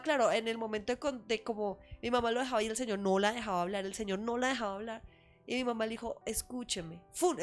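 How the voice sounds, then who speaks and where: A woman retelling her mother's story as a testimony in a live church conversation, acting out the people she quotes. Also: a little high. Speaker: church member giving testimony. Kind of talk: storytelling testimony in casual chat.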